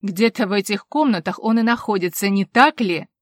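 A woman's voice: mid-range voice, moderate pace, no echo, clean studio sound, natural voice. A woman voicing a brash, bullying male inspector who barks accusations in an audiobook. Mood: barking. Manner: barking, accusing.

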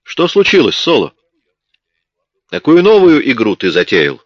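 A man reading an audiobook, voicing a smug, sharp police detective who talks in a cool, mocking way. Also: medium pitch, huge pitch swings, measured pace, no room sound, pitched above the performer's own voice. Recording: dull lo-fi audiobook recording.

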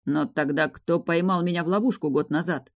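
A woman's voice: lowish voice, natural voice. A woman doing a growling jealous young demon. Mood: brash. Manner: growling, quick-tempered. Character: young male demon co-ruler, jealous and hot-headed.

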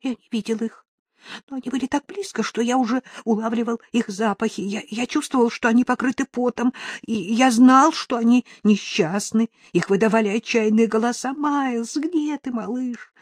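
A woman reading an audiobook aloud, narrating in the first person as a dog, with expressive, dramatic storytelling. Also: on the high side, moderate pace, no echo, clean studio sound. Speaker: audiobook reader.

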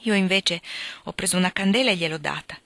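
A woman reading a classic novel aloud in a steady, expressive narration. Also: lowish voice, fast talker, dry recording. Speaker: reader. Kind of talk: audiobook narration.

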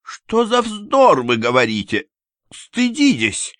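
A man voicing a haughty, scornful noblewoman landowner who sneers and shouts in defiance. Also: very animated, a little slow, no echo, clean studio sound, full character voice. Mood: shouting. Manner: sneering, shrill outbursts.

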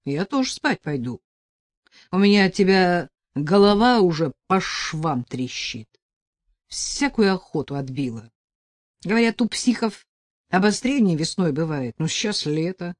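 A woman voicing a rude, bossy male thug who talks slowly and loudly in gruff threats. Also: lowish voice, expressive, no room sound, studio quality. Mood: weary, grumbling.

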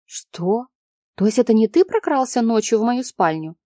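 Nervous curious young woman, soft mellow voice, dry sound, read by a woman narrator. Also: a little high, sing-song, normal speed, no echo. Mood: uneasy. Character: anxious, inquisitive young woman heroine. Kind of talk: audiobook character reading.

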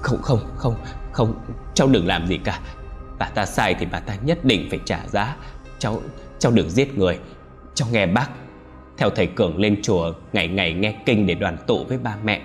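A man's voice: on the low side, normal speed, soft background music, lightly acted. Man doing a pleading old soldier uncle. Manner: stammering, pleading.

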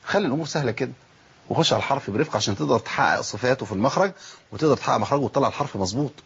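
A man's voice: mid-range voice, gravelly, breathy edge, highs cut off. A man with an Egyptian accent teaching tajweed, asking himself questions and demonstrating letter sounds. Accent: Egyptian Arabic. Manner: fast, animated teaching with self-asked questions and demonstrations. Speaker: Quran recitation teacher. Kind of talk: tajweed lesson.

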